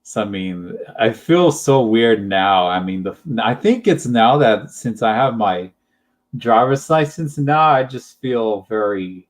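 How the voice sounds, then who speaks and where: A young man hosting a relaxed chat, talking slowly in a lowish voice. He rambles and hesitates, stacking up fillers and small giggles as he hunts for words. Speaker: channel host. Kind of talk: casual chat.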